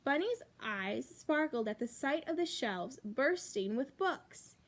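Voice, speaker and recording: A woman with a high voice reads a picture book aloud to young children. Her pitch swings widely, and she leans on pauses to shape each phrase. She sounds like a practised storytime reader. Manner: expressive, emphatic pauses for young listeners. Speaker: librarian reading a storytime.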